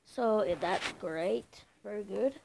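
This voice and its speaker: A woman giving casual commentary over a mobile game, chatty and prone to mumbling with excitable reactions. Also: mid-range voice, takes it slowly, creaky, noisy background. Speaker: gameplay video creator.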